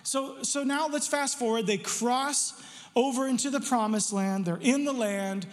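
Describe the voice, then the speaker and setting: Pastor guy preaching, kinda high voice, lots of rhetorical questions, big reverby hall. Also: unhurried. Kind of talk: sermon.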